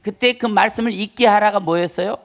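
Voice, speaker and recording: A pastor with a high, gravelly voice speaks a little quickly as he preaches an emphatic Sunday sermon. Standing in the church sanctuary, he repeats key lines and urges the congregation to answer back.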